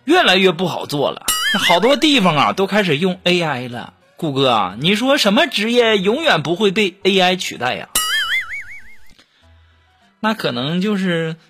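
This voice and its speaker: A man hosting a casual show, telling joke stories in an animated way, with exclamations. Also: high-pitched, moderate pace. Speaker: host reading joke submissions. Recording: steady background music under voice. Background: background music.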